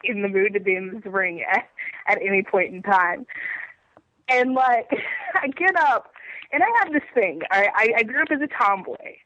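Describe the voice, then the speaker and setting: A woman's voice: mid-range voice, sharp tone, dry recording, low-quality recording. A woman in her twenties, a wrestler being interviewed, telling a story animatedly and laughing often while under the weather. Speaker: guest wrestler.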